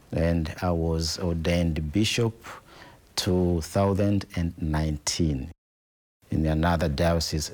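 Man, middle-aged, from Tanzania, bishop, very deep voice, unhurried, deliberate answers. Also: darkish tone. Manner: slow, deliberate, repeats phrases like "in actual fact". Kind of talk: interview answers.

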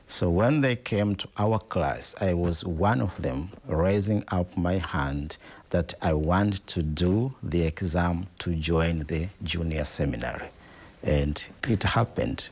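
Slow, very low-voiced Tanzanian bishop. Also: male voice, a little mellow. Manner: slow, deliberate, repeats phrases like "in actual fact". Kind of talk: interview answers.

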